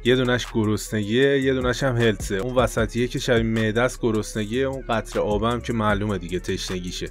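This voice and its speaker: A man casually commenting on a video game as he plays, chatty and quick to cry out in alarm. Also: lowish voice. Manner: chatty, loud exclamations of alarm. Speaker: gaming YouTuber. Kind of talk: casual let's-play commentary.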